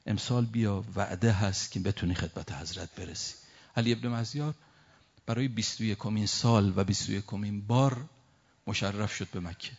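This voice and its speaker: A man preaching a religious sermon, reciting Arabic verses slowly and then explaining them with rising emotion. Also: on the low side, husky. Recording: dull lo-fi recording.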